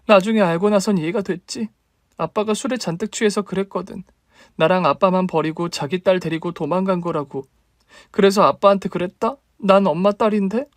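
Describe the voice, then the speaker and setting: A man's voice: high voice, fairly quick, dry recording, voice pushed up, natural voice. A man doing a wounded young woman. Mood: earnest. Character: young woman, hurt younger sister, new mother. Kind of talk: radio drama reading.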